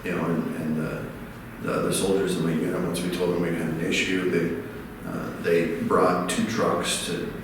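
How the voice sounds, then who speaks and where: Very deep-voiced man, halting. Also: level tone. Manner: halting, many fillers. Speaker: veteran. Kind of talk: interview anecdote. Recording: echoey hall, distant mic, background noise.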